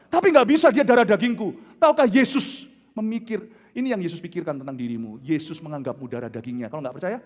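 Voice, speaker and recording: A middle-aged Indonesian pastor preaching with a high, very lively voice that swings between loud bursts and hushed asides. He tells his stories with animation. The sound rings in a large hall with a long reverb. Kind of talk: sermon.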